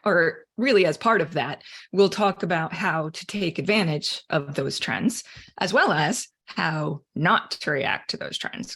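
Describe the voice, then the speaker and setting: A woman's voice: fairly low pitch, a bit bright. A woman giving a webinar presentation as guest expert, chatty and self-deprecating, speaking over a video call. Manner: chatty, self-deprecating, laughs at own slips.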